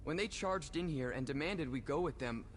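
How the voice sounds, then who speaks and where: A man's voice: on the high side, lively intonation, moderate pace, a little hiss or hum, natural voice. A man playing a protective, indignant young brother in a fantasy video game, formal and earnest. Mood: distressed. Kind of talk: video game character acting.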